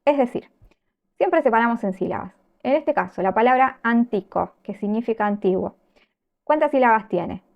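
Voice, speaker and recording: A woman teaching an online grammar lesson, patient and methodical, pausing often to check her students follow and slowing down to pronounce example words. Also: fairly high pitch, animated, gravelly, lo-fi sound. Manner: patient, explains step by step with frequent check-in questions. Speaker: Italian language teacher.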